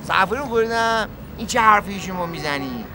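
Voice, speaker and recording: A boastful, cheeky junk peddler riding in a taxi, rambling on in a high, reedy voice. He talks in a teasing sitcom manner. Loud street and traffic noise runs behind him. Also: expressive. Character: chatty male junk-peddling passenger, cheeky. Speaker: taxi passenger. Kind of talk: comic puppet-show acting.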